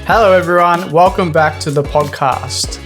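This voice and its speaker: A man co-hosting a podcast, chatting casually and giving his opinions in a relaxed way. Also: on the high side, normal speed, over loud music. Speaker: podcast co-host.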